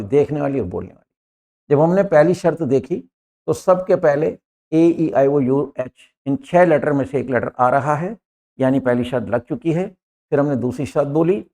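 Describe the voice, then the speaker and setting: In an explanatory English grammar lesson, a man with a fairly high, gravelly, darkish voice takes viewers through each step, repeating every point and calling them friends. He points at words on a board while he explains.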